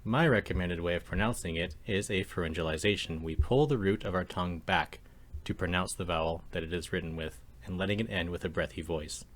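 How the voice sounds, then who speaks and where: A man teaching a language lesson over slides, explaining calmly and slowing down to demonstrate sounds. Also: low voice. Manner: calm, measured explanation with slow demonstrations of sounds.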